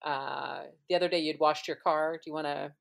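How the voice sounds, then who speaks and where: Female host, low voice, loose chatty delivery with easy laughs. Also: steady tone, brisk, creaky. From Minnesota, US. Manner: chatty and rambling, laughs easily. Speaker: podcast host. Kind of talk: casual chat.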